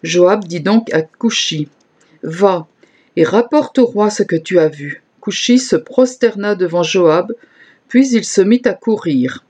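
A reader giving a slow, measured scripture reading, lifting the voice a little for quoted speech. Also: mid-range voice, lively intonation, darkish tone, husky.

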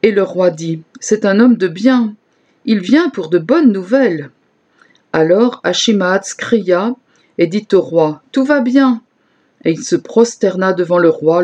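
In a mellow, mid-range voice, someone reads scripture at a slow, measured pace, lifting the tone a little whenever speech is quoted.

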